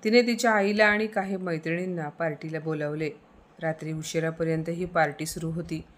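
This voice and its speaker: A woman tells a family ghost story as scripted narration. Her voice sits a little low, and she reads steadily with a touch of drama. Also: steady tone, brisk.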